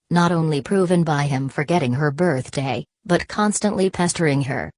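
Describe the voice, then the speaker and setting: A woman's voice: low-pitched, a little mellow, no echo. A woman narrating a scripted superhero story as an audiobook narrator.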